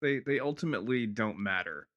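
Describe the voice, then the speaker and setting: A man's voice: fairly low pitch, expressive, a little fast, a bit bright, lo-fi sound. A man co-hosting a podcast, giving blunt, wry opinions in casual chat. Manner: blunt, wry, laughing asides. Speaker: podcast co-host.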